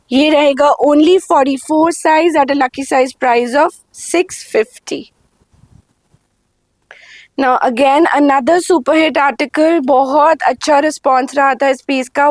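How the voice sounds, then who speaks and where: Woman, sales pitch, measured unhurried delivery, high voice. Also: a little mellow, dry recording. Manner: Hindi-English mix, swings between slow lingering prices and quick rundowns. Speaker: boutique sale presenter. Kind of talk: sales pitch showing garments.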